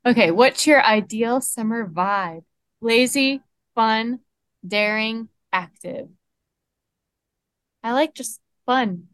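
A young woman guides a casual podcast chat, briskly reading out question prompts. Her voice is fairly high and sounds dry and close. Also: a bit bright, no room sound. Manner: leads the questions, brisk and decisive. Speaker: podcast co-host.

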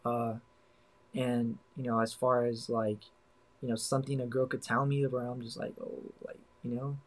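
A man's voice: mid-range voice, little pitch movement, normal speed, rough recording. Rambling young man in casual chat. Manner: rambling, many fillers like "you know". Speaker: podcast co-host.

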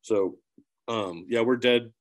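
A musician from central Illinois, USA, appears as a guest in a casual interview chat. He takes his time in a medium-pitched voice, talking earnestly and rambling with many restarts.

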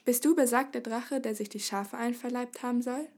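A woman voicing a small, round, cheerful male knight who speaks calmly and with self-assurance. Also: on the high side, moderate pace. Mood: friendly.

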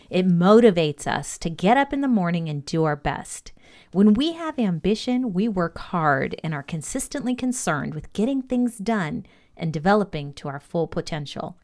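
A woman with a lowish, darkish voice reads a scripted motivational lesson for a podcast. Her delivery is measured, deliberate and instructional.

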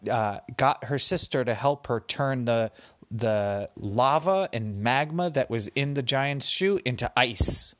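Man, slow storytelling, gentle and patient, dry close sound. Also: medium pitch, dry recording. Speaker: father telling a story. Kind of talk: improvised bedtime story.

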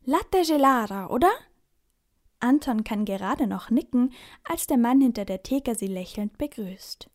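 A woman narrating a children's bedtime story in a clear storytelling manner. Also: on the high side, moderate pace, dark tone.

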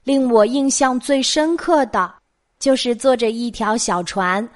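Higher-pitched Mainland Mandarin woman, bedtime storyteller. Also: animated, a little slow. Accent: Mainland Chinese Mandarin. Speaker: storytelling host of a bedtime show. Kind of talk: bedtime storytelling of childhood memories.

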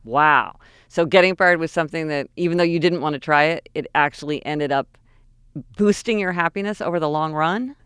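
A woman's voice: sits low, a little fast, a bit bright, smooth, no room sound, studio quality. An American woman co-hosting a casual podcast, enthusiastic and often restarting her phrases. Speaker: podcast co-host.

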